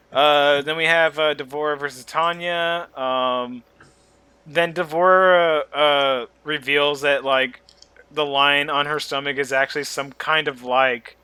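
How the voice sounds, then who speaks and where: A man's voice: on the high side, smooth, no room sound. A man co-hosting a podcast, chatting casually and retelling scenes with jokes and laughter. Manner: joking, animated retelling with laughs. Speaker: podcast co-host. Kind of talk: casual chat.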